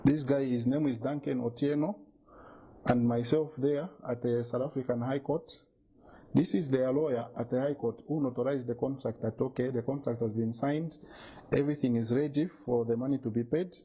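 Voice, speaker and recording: Indignant man with a husky voice. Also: medium pitch, steady tone, moderate pace, muffled recording. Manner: indignant, insistent. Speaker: interviewee. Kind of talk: press interview.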